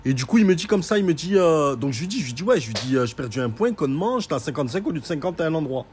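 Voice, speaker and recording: A young man telling a story in a casual, sarcastic rant, mocking and animated as he recounts events. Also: a little high, very fast, faint music behind.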